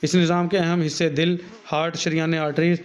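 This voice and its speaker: A man's voice: fairly high pitch, level tone, a little fast, clear, resonant tone. Man explaining a textbook lesson. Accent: Pakistani Urdu. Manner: reads a passage, then explains it warmly to students, calling them "beta". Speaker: teacher. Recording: dull, lo-fi recording.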